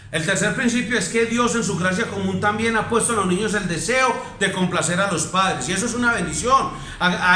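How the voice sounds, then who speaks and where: A man's voice: high voice, sharp tone, reverberant. A man with a Colombian accent, a pastor giving a sermon, preaching in a conversational, emphatic way and asking his listeners rhetorical questions. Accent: Colombian Spanish. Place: church.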